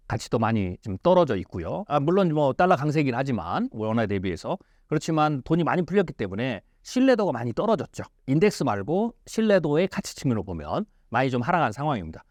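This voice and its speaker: A man's voice: on the high side, sing-song, a little fast, hardly any pauses, a little mellow, dry recording. A man as an interview guest, explaining in an emphatic way with rhetorical questions. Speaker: futurist guest.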